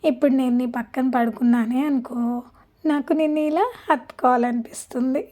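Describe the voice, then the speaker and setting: Storybook husband, loving and earnest, read by a woman, high mellow voice. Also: fairly even intonation, fairly quick, close to an everyday voice. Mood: tender. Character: loving young husband, tender and reassuring.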